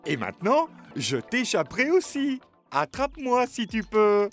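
A man's voice: high voice, huge pitch swings, unhurried, faint music behind, exaggerated voice. A man voicing a boastful runaway pancake in a cartoon, taunting in a sing-song way. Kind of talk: cartoon voice acting.

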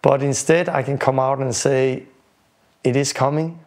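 A man's voice: medium pitch, fairly even intonation, darkish tone. Earnest Danish-accented man preaching. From Denmark. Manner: earnest, repeats words when starting, halting restarts. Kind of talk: earnest testimony to camera. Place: indoor home room.

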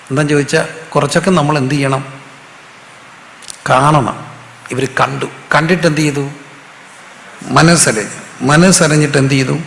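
A man's voice: on the high side, creaky, fairly bright tone, slight background noise. A male pastor, preaching a sermon with call-and-response questions and humorous stories. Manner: call-and-response preaching, asks the audience to repeat answers; storytelling with humor. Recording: echoey hall with faint ambience.

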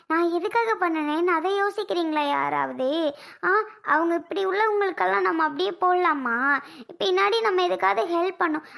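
A performer with a very high, gravelly voice plays a young mother in a family skit who pleads and accuses through her tears. She sounds wounded and quick to take offence. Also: a bit bright, full character voice. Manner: plaintive, accusing and sobbing.

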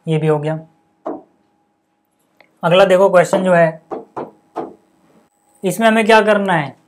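Man talking through maths steps. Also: high-pitched. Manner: quizzes the viewer then answers himself, with "ठीक है" and "यार"; reads out numbers and steps one by one. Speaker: maths teacher. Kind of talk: step-by-step board lesson.

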